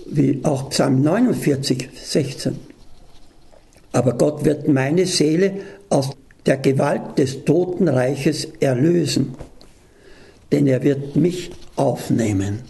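A man preaching, slowly and deliberately reading scripture verses aloud and explaining them. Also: medium pitch, vocal fry, warm tone.

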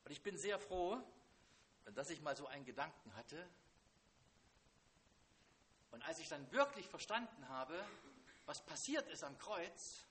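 A man preaching a sermon to a congregation, swinging from loud, dramatic outbursts to quiet, hushed lines. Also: a little high, big pitch swings, unhurried, pauses often, a little hiss or hum.

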